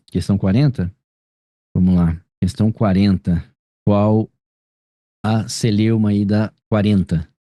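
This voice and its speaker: Slow and steady, with long pauses, a man's fairly low, mellow voice comes through with no echo. He's a grammar teacher with a Brazilian Portuguese accent, patiently tutoring a student over video, frequently using tag questions to confirm she's following.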